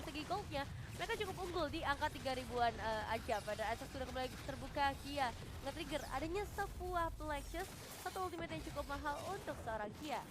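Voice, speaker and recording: A woman commentating and analysing an esports match like an animated game announcer. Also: high-pitched. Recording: broadcast with clear background noise.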